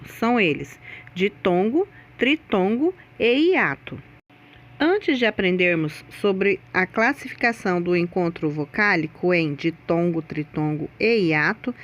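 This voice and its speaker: Woman, teacher, scripted grammar lesson, slow deliberate delivery, lively rising and falling pitch, fairly high voice. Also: muffled recording. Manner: slow, deliberate, stresses sounds in example words. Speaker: Portuguese teacher.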